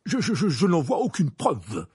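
A man's voice: on the high side, wildly swooping pitch, normal speed, darkish tone, breathy edge, no room sound, studio quality, pitched above the performer's own voice, heavily acted. A man doing a stammering, flustered official. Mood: indignant. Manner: stammering, repeating words. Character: pompous flustered male minister, stubborn and defensive. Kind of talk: audiobook character voice.

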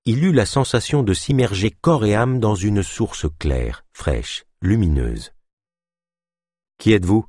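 A male audiobook narrator reads a novel in a measured way, with a fairly low voice that rises and falls a great deal. The sound is close and dry, with no room around it. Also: no room sound. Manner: measured, expressive reading. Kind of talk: scripted narration.

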